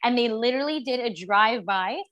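A woman's voice: a little high, brisk, fairly bright tone, dull audio. A woman guest on a podcast, chatting casually and trailing off into fillers. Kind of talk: casual chat.

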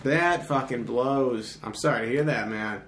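A man's voice: medium pitch, measured pace, fairly bright tone. A man co-hosting a livestream podcast, reading listener messages in a laid-back, profane way. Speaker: podcast co-host. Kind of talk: casual profane livestream chat.

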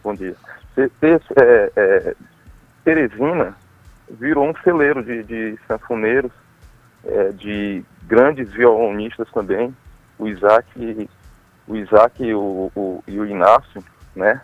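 A man calling in to a radio show over a phone line, halting and often repeating words as he gives praise. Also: on the low side, dry recording. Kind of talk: casual chat. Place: phoning in from elsewhere. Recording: dry tinny phone line.

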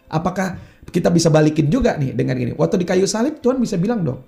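Gravel-voiced man preaching casually. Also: sits high, lively intonation, fast, mellow, faint music behind. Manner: earnest, slangy, acts out quoted complaints. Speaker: youth pastor. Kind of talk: preaching in a podcast chat.

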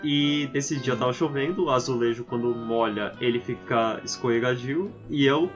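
A young man calmly telling a story in casual chat. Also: mid-range voice, moderate pace. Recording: dull sound with music underneath. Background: guitar music.

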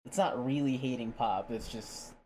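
Young man, casual podcast chat, halting, filler words, faint noise. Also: medium pitch, mellow. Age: young adult. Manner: explaining, halting, many fillers. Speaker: podcast co-host.

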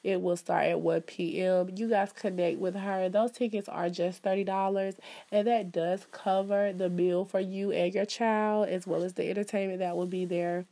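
A woman's voice: fairly low pitch, steady tone, normal speed, warm tone. A woman, stuffed up from allergies, talking casually and upbeat as she promotes events and calls listeners "baby.". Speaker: host promoting events and services. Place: indoors, in the country.

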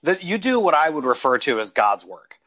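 A man's voice: on the high side, very animated, fairly quick, fairly bright tone. A man hosting an interview, talking with his guest in an effusive, enthusiastic way. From Michigan and Georgia, USA. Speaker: host. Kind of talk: casual interview chat.

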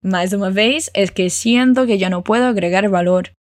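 Woman teaching spanish, says phrases slow and clear, cheers you on, dry close sound. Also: medium pitch, dry recording. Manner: encouraging, models phrases slowly and clearly. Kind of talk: language lesson with repeat-after-me drills.

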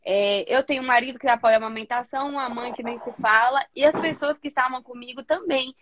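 A woman's voice: high voice, fast, fairly bright tone, slight background noise. A mother in a casual group conversation who talks earnestly and stresses her agreement.

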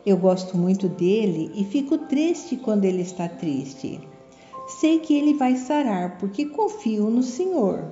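Woman voicing an earnest little Brazilian girl, softly mellow. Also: medium pitch, sing-song, measured pace, muffled recording. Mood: earnest pleading. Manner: earnest, pleading, trusting. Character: earnest, devout six-year-old girl praying for her puppy. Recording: echoey room, soft music behind.

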